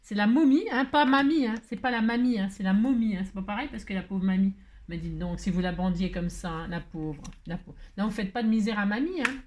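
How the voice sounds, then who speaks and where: A woman's voice: mid-range voice, brisk, a little hiss or hum. A woman hosting a casual crafting tutorial, chatty and playful, joking as she works. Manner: chatty, playful, full of filler tags. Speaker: craft video host.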